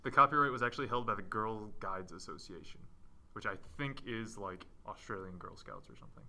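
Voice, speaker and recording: Bright-voiced young man hosting a podcast. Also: on the low side, lively intonation, brisk. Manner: reads out search results, wraps up the show. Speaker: podcast host. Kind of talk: casual late-night podcast chat.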